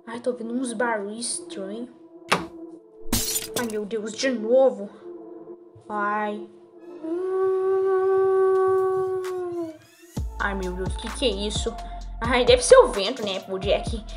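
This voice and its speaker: A frightened female pony, voiced by a woman in a homemade toy story, exclaiming dramatically. The voice is extremely high and lively in pitch, over clear background music. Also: unhurried. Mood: nervous, hushed. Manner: breathless exclamations, dramatic wailing.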